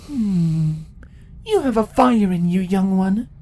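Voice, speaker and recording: A woman voicing an ancient changeling empress in a fantasy story, a calm, condescending and menacing villain who speaks deliberately. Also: mid-range voice, a little hiss or hum, pitched above the performer's own voice.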